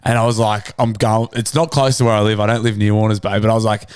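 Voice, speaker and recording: A man's voice: fairly low pitch, steady tone, quick pace, smooth, dry recording. An Australian man chatting casually as a podcast host, blunt and sweary with plenty of slang.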